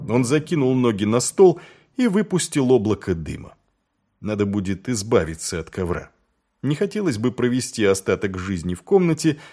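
A male audiobook narrator with a low, deep voice and a lively, animated rise and fall. He reads a novel with expressive flair, voicing each character himself. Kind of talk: scripted narration.

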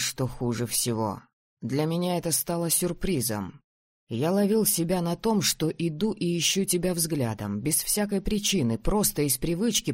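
A reader voicing a tired, tender young man, speaking quietly and slowly in an audiobook, recorded close and dry. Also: medium pitch, no echo, natural voice. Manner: quiet, slow and heartfelt. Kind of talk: audiobook reading.

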